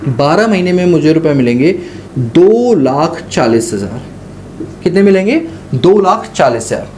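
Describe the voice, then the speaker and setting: A man's voice: fairly high pitch, sing-song, moderate pace, darkish tone, a little hiss or hum. A male teacher giving a lecture, asking questions aloud and answering them himself while explaining through a first-person story.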